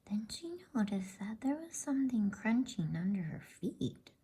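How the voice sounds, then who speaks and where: In a very breathy, hushed whisper, a woman reads a bedtime story as ASMR. Her fairly high voice is very animated yet slow and gentle, carrying a mellow, dark softness.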